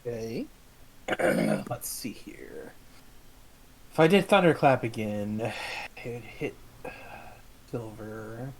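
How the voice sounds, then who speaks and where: A man's voice: mid-range voice, animated, slow pace, pauses often, poor audio. A man playing a tabletop game in casual chat, hesitant and full of "uh"s. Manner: hesitant, many "uh"s. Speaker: player.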